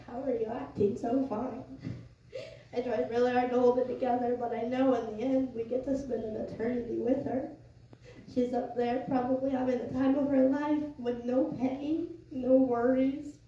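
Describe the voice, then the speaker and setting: A young woman giving a personal eulogy to mourners, speaking tenderly and informally, with halting pauses. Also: on the high side, dark tone. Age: young adult. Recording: echoey room, distant muffled mic, noisy.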